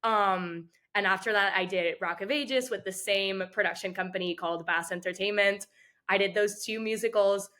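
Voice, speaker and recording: A woman's voice: mid-range voice, moderate pace. A woman in her twenties from Puerto Rico, a dancer answering interview questions in a chatty way, with frequent "like" fillers. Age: 20s. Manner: chatty, many "like" fillers, soft-spoken. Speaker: guest, dancer.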